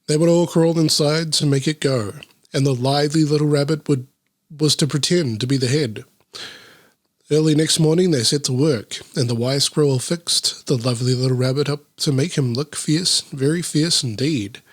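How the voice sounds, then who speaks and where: A man reading a children's book aloud, breaking off for deadpan, sarcastic and sweary asides. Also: fairly high pitch, moderate pace, no room sound, clean studio sound.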